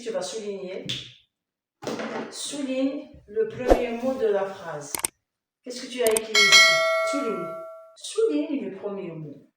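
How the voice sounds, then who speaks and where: A woman teaching a child in class, patiently correcting spelling and sounding out syllables. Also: medium pitch. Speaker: primary school teacher. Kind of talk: dictation lesson with a child. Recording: echoey classroom, mic far off, faint noise.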